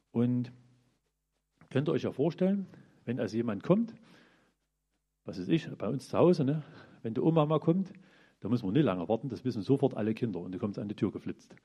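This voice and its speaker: A man's voice: medium pitch, gravelly, warm tone, slightly rough. A man giving a casual, colloquial sermon, retelling a parable and asking his listeners questions. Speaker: preacher. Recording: dull lo-fi recording.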